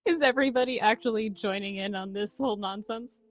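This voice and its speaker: A woman's voice: mid-range voice, brisk, no echo. A woman playing a tabletop game, bantering and laughing with the game master. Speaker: player. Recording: dull, dry lo-fi mic.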